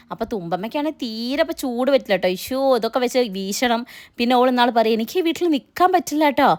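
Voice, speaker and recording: A young mother, chatting casually to viewers in a family vlog. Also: on the high side. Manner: chatty, fast, addresses viewers directly. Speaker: family vlogger.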